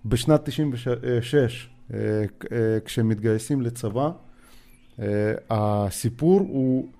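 A man in his forties with a Russian accent, a podcast guest telling his own story in a hesitant, halting way full of filler sounds. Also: medium pitch, warm tone. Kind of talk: personal storytelling.

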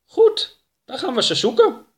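A man voicing a curious young male creature in a high, lively put-on voice. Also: a little slow, heavily acted.

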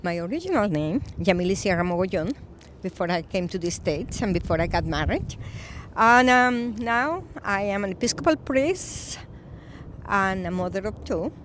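A Colombian-born woman in her fifties, an Episcopal priest, speaking thoughtfully in a recorded interview, with frequent pauses and fillers. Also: mid-range voice, animated, a little hiss or hum. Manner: reflective, soft-spoken with frequent pauses and fillers.

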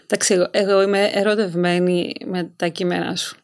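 A woman's voice: lowish voice, level tone. A woman with a Greek Cypriot accent chats casually and enthusiastically as she interviews. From Cyprus.

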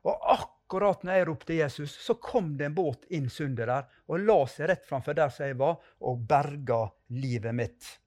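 A man's voice: on the high side, hardly any pauses, a little mellow. A man giving a spoken testimony and a fervent prayer as a preacher on a podcast.

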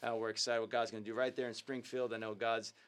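A man's voice: medium pitch, flat delivery, fast talker, smooth. Earnest man hosting a ministry livestream. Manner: filler-heavy, earnest, upbeat. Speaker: youth ministry leader and host. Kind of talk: casual livestream talk with devotional teaching.

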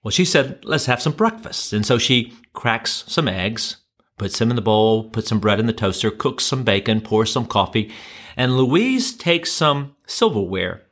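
A man preaching, telling a story in a measured, dramatic manner with shifting tempo. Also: lowish voice, expressive, fairly bright tone. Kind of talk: sermon storytelling.

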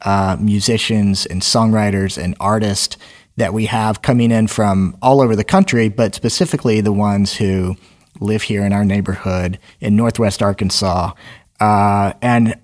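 A man hosting a studio podcast interview, friendly and halting, with many fillers and restarts. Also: on the low side, steady tone. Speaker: podcast host. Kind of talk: casual interview.

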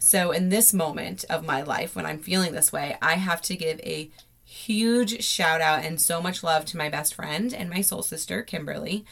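An American woman hosts a podcast from a closet, her voice sitting slightly low. She tells personal stories casually, in an informal, gushing way peppered with filler slang. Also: moderate pace, vocal fry, fairly bright tone. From South Florida, United States. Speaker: podcast host. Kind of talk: casual, chatty personal storytelling. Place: inside a closet at home.

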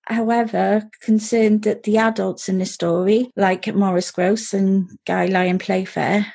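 A woman co-hosting a podcast in casual chat, skeptical and quick to react. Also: medium pitch, steady tone, gravelly, dark tone, slightly rough. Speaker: podcast co-host.

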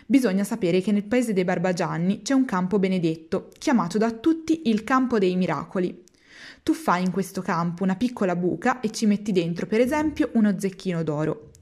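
A woman's voice: medium pitch, lively intonation, brisk, darkish tone, lightly acted. A woman playing a sly coaxing fox. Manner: coaxing and persuasive. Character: sly smooth-talking fox, cunning swindler. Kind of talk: storybook reading.

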